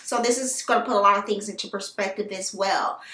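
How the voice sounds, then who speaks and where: Bright-voiced woman chatting to her viewers, bit far from the mic, roomy echo. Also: medium pitch, fairly quick. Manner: chatty, animated, addresses viewers directly. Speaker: hair care vlogger. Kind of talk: casual storytelling to camera.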